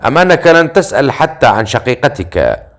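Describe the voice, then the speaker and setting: A man's voice: on the low side, expressive, a little fast, close to an everyday voice. A man doing a sarcastic male hero. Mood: wry. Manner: sarcastic, dryly teasing. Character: sarcastic, self-assured male hero leader.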